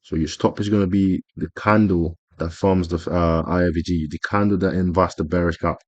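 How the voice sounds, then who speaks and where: A man's voice: low-pitched, steady tone, moderate pace, darkish tone, no room sound, highs cut off. A man explaining a trading strategy over his screen in a casual tutorial, rambling with frequent fillers and self-corrections. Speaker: trading educator.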